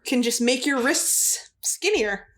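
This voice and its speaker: Woman, podcast co-host, high voice, chatty episode recap, enthusiastic. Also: expressive, slow pace, fairly bright tone.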